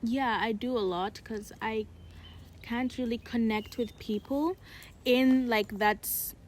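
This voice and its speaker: A teenage girl from Uganda with an American accent co-hosts a podcast chat, sounding casual and reflective and using "like" a lot. Her voice is fairly high with even intonation, and she speaks slowly.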